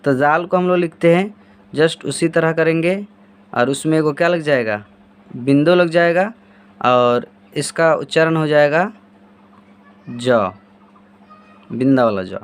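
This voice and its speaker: Higher-voiced man teaching handwriting. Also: a little slow, clean tone. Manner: answers his own repeated questions while demonstrating. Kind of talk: step-by-step writing lesson.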